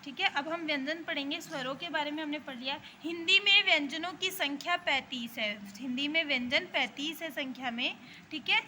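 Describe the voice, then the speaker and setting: A woman school teacher with an Indian accent talks young pupils through a grammar lesson. Her voice sits high and sounds bright and clear. She repeats each point patiently, over a faint background hiss. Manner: patient, repetitive explaining with frequent checks.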